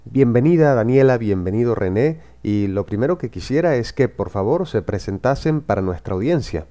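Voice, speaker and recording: A man hosting an interview podcast, speaking in a formal, measured way. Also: mid-range voice, expressive, dark tone. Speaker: podcast host.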